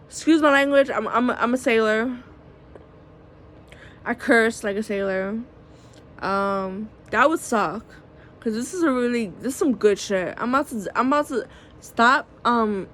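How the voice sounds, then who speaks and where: Late at night at home, a woman talks into her phone camera for a casual vlog monologue, candid and rambling, full of "like" and free swearing. She has a fairly high voice, and there's a little hiss or hum.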